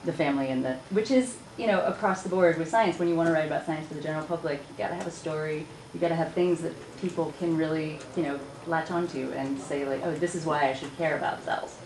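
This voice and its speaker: A low-voiced woman talks fast and chatty on a conference panel, laughing often. The room is echoey and a steady noise sits under her voice. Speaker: author on a panel.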